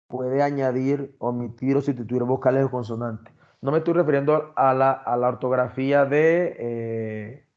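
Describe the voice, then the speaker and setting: Male lecturer, mid pitch, methodical teaching delivery, dull muffled recording. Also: darkish tone. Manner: explains criteria step by step, addresses students directly. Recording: dull lo-fi sound.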